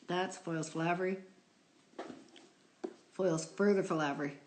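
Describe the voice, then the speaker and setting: A woman's voice: steady tone, normal speed, a little hiss or hum. A middle-aged woman hosting a live stream from home, playfully reading odd words from a book and chatting, at times dropping to a whisper. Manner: playful, drifts into soft whispers and high exclaims. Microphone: phone.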